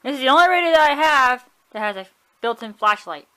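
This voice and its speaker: In a room at home, a woman casually walks through her collection, chatty and offhand, correcting herself and shrugging things off often. Her high-pitched voice is animated, a little fast, and a bit bright, with a clean tone.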